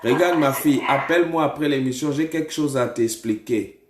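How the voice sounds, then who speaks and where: A man leading a deliverance prayer as a prophet, giving commands to callers in a forceful, repetitive way. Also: mid-range voice, a little fast, roomy sound, very noisy.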